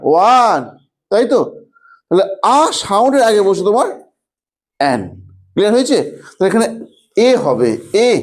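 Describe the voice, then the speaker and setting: A man teaching an online grammar class, with a voice pitched well above most men's. He keeps checking on his students with quick questions and drags out example phrases slowly while he writes them up. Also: darkish tone. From West Bengal, India. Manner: coaxing, quizzes students with rhetorical questions; repeats phrases slowly while writing on a board.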